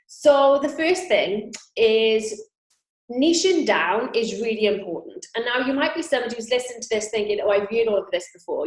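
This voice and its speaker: A Welsh woman in her thirties, working as a coach, runs an upbeat, chatty online sales training while speaking straight to camera. Her voice is medium-pitched, and the audio is poor with a roomy sound.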